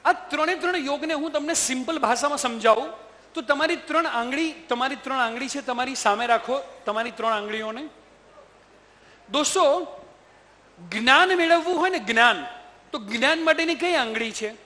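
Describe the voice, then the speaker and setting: A man with a very high voice addresses a roomful of students as a motivational trainer. His tone is bright and forceful, and he keeps pressing the audience for a yes or no. The sound carries a long reverb from the hall. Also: moderate pace. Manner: rhetorical, keeps asking the audience to agree.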